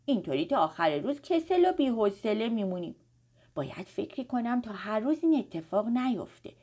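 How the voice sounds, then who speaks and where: A woman's voice: high-pitched, lively intonation, a bit bright, pitched above the performer's own voice. A woman voicing a petulant, complaining schoolboy, the older brother in a children's story. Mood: thoughtful. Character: schoolboy, grumpy older brother who turns kind.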